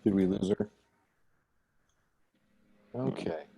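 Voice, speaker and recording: A man's voice: low voice, animated, slow pace, vocal fry, mellow, slightly rough. A man teaching an online design class over a video call, chatty and checking in with "right?". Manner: conversational, often checks with "right?".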